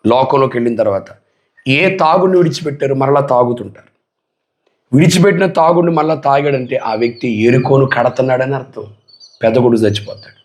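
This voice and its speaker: A male pastor preaching a sermon, emphatic and full of rhetorical questions put to the congregation. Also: medium pitch.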